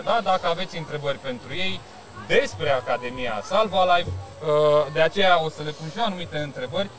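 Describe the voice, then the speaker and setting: A man hosting a casual live social media interview, chatty and teasing, with filled pauses. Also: fairly high pitch, fairly bright tone. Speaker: host. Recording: live with crowd noise.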